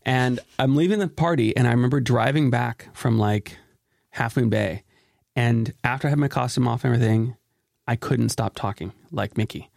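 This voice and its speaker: A middle-aged man hosting a casual podcast chat, playful and quick to laugh, close to the mic. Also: medium pitch, gravelly, darkish tone, dry recording. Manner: playful, laughs often, teasing. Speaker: podcast host. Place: at home, late at night.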